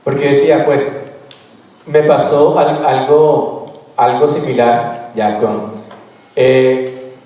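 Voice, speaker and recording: A man's voice: medium pitch, fairly even intonation, slow, pauses often, warm tone. A man giving a spiritual retreat talk, telling his stories in a candid, conversational way. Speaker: retreat speaker. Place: large retreat hall. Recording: echoey hall, voice far from mic.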